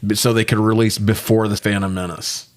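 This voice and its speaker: A podcast co-host with a voice on the low side talks a little fast while reviewing movies. The chat is casual, and he gripes animatedly with plenty of swearing.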